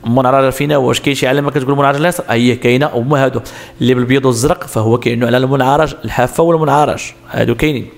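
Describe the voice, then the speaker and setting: A man's voice: medium pitch, fairly even intonation, very fast, creaky. A man with a Moroccan Arabic accent explaining road sign exam answers step by step, asking questions and answering them himself. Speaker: driving instructor.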